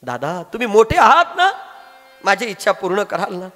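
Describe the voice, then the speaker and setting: A man voicing Muktabai, a hushed pleading little girl. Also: high-pitched, big pitch swings, moderate pace, voice pushed up, full character voice. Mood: tearful plea. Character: small orphan girl, pleading and tearful. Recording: echoey hall with faint music.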